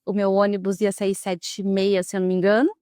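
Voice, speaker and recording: A woman's voice: medium pitch, a little fast, no echo, studio quality. Dramatic young São woman storyteller. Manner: dramatic, emotional retelling with lively quoted speech. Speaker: vlogger. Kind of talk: casual storytelling to camera.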